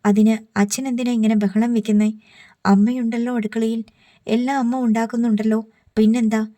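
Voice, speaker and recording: A woman's voice: fairly high pitch, level tone, moderate pace, dark tone, dry recording, close to an everyday voice. A woman reading the lines of a sulky, defiant young daughter arguing with her father. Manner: sullen, defiant.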